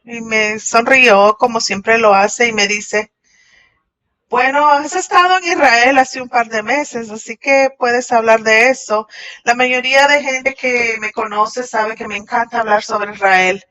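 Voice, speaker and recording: A woman voicing a Shabbat message in translation, halting at times and restarting. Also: fairly high pitch, fairly even intonation, bright, forceful tone. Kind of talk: translated sermon voice-over. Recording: dull lo-fi audio.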